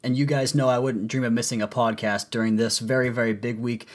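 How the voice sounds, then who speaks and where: A man's voice: medium pitch, steady tone, fairly quick. A man hosting a sports podcast with enthusiastic, wordy commentary, his voice strained and congested from a sore throat, like swollen tonsils. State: sore throat from a cold, voice partly lost.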